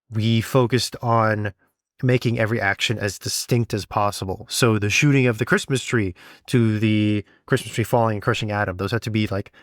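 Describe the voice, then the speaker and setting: A man with a fairly low voice, recorded clean in the studio with no echo. He's an audio drama sound designer co-hosting a podcast, walking through things step by step in a relaxed, conversational way.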